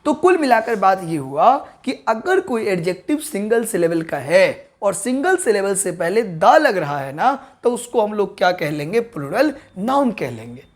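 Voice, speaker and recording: A man teaching an online grammar lesson. He keeps asking the viewers whether they understood and slowly repeats the key terms at a board. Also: high-pitched, very animated.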